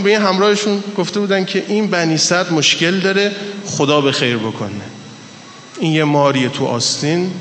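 A man with a fairly high voice delivers an emphatic storytelling sermon, drawing out his stressed words. His voice rings through a large echoing hall with a long reverb tail. A faint hiss sits underneath. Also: fairly bright tone. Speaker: preacher.

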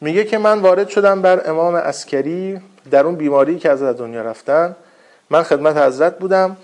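A man preaching a sermon, telling a religious story in a conversational way with rambling asides and slowly recited Arabic quotes. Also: fairly high pitch, a little mellow. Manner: recites Arabic quotes slowly, then retells them in plain speech.

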